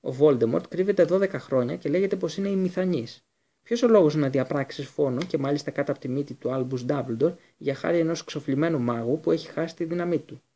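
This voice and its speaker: A man's voice: a little high, warm tone. A man voicing a bitter escaped male prisoner in an audiobook reading, fierce and accusing in delivery.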